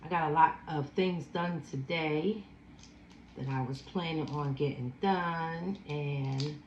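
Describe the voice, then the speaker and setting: Woman, 50s, Philadelphia accent, food vlogger, unhurried chat, slightly dull recording. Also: sits low, reverberant, a little hiss or hum. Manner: slow, savoring, chatty with food sounds. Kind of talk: casual eating chat.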